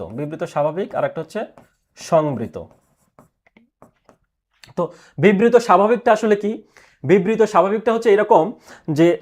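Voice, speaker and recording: A male teacher with a high-sitting, somewhat dark voice gives a lecture to prepare students for an exam. He poses questions and answers them himself, slowly repeating the key answers.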